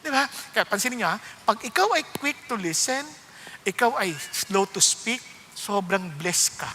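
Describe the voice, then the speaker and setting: A man's voice: high voice, a little slow, slight background noise. A male pastor giving a sermon, mixing English scripture into Filipino and acting out the people in his anecdotes. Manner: animated storytelling, acting out voices of people in anecdotes; mixes English Bible quotes into Filipino preaching. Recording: hall reverb.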